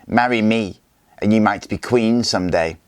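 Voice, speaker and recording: A cruel Viking warlord, smug and mocking as he talks, as a man puts him on. The voice stays low and close, near the reader's own, in a dry recording of a storybook reading. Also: unhurried, clean tone, dry recording, lightly acted.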